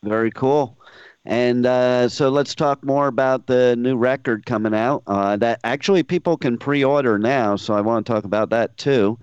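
Radio host, man, mid-pitched and resonant, chatting casually, dry and slightly lo-fi. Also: normal speed, a little mellow, clean tone, no room sound. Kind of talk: casual music interview.

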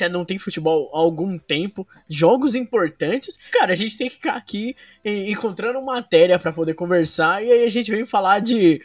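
A man's voice: high voice, fairly bright tone, breathy edge, no echo, clean studio sound, distant mic. A Brazilian man hosting a football podcast in casual, slangy, informal chat.

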